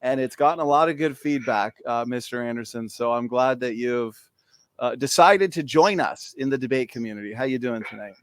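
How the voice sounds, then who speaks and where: A man's voice: medium pitch, a little fast, no echo. Friendly male host, upbeat chatter, dry studio-close sound. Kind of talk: casual debate hosting.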